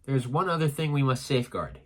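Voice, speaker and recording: A man reading a comic aloud for a casual reaction stream, in a steady, plain delivery. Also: mid-range voice, a little fast.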